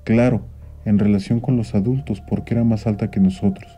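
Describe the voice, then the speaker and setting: A man, reading a children's story aloud in an expressive, animated way. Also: fairly low pitch, fairly quick, husky. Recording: dull lo-fi sound with faint music.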